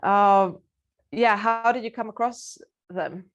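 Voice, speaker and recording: A woman moderating an informal film panel, speaking in a hesitant, halting way. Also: medium pitch, lo-fi sound.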